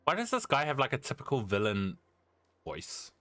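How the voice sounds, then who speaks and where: A man's voice: mid-range voice, wildly swooping pitch, moderate pace, fairly bright tone. A man giving casual gameplay commentary as a streamer, chatty and informal. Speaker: game streamer.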